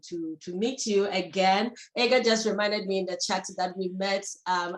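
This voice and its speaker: A woman hosting a virtual foundation event, introducing guests with frequent pauses and fillers. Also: on the low side, echoey room, poor audio. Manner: warm, halting, many fillers. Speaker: host.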